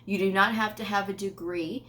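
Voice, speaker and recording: A woman in her thirties who teaches medical coding gives firm, emphatic career advice straight to camera from a small home office, repeating her points and laughing now and then. Her mid-range voice is a bit bright, with fairly even intonation and moderate pace.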